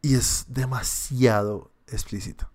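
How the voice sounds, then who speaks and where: Speaking slowly in a medium-pitched voice, a podcast co-host with a Colombian accent rambles through a casual chat about TV shows and movies. He's lively, laughs a lot and swears freely.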